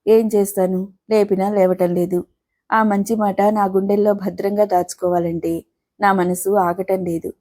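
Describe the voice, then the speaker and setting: A woman's voice: medium pitch, little pitch movement, measured pace, dark tone, natural voice. A woman voicing a playful, mischievous young wife who coaxes and teases her husband. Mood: teasing. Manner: coaxing, mischievous.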